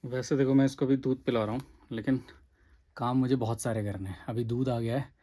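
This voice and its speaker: A man talks straight to his viewers in a casual home vlog, in an easy, homely way. He runs through the chores of the day as if chatting with friends. His delivery is relaxed and everyday. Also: mid-range voice, fairly quick. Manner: homely, easygoing everyday talk about chores. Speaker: family vlogger. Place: home, indoors.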